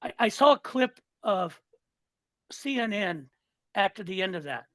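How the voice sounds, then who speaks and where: This high-voiced man swings widely in pitch, speaking a little slowly with a sharp tone, in a dry, close recording with no room sound. A listener guest in his sixties from Southern California, he's fired up in casual political talk, going in bursts and repeating and restarting words.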